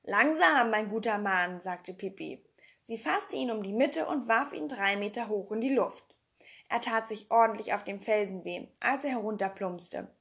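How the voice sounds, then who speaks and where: A woman narrating a children's storybook aloud, steady with an occasional slip. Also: mid-range voice, moderate pace, vocal fry. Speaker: reader. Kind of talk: audiobook narration.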